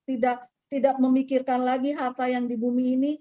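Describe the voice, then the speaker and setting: Speaking briskly in a high voice with little pitch movement, a middle-aged woman recounts her testimony before a church congregation. She keeps it conversational and performs the lines she quotes. The audio sounds a bit dull and dry.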